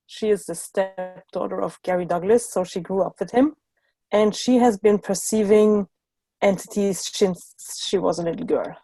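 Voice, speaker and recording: A woman from Germany, a guest on an online talk, explaining things calmly and steadily. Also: mid-range voice, normal speed, dry recording. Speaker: guest facilitator.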